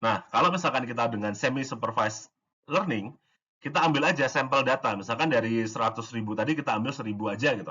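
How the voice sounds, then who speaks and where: A man with a slightly husky voice explains AI concepts in a relaxed, informal lesson. He talks loosely, with fillers and restarts, and now and then acts out short exchanges. The recording sounds somewhat dull and lo-fi. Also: medium pitch. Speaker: AI course instructor.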